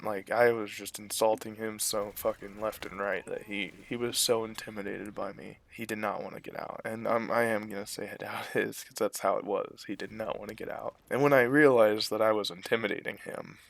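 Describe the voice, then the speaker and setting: A man's voice: lowish voice, creaky, a bit bright. A man casually telling a personal story to his viewers, rambling and profane, full of fillers and restarts, blunt and boastful. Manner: blunt, boastful, chuckles between lines.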